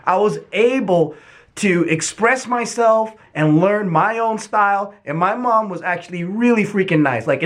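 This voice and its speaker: A young man telling stories from his childhood in a casual, candid monologue, swearing freely and acting out the people he quotes. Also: high voice. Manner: candid and profane, animated retelling.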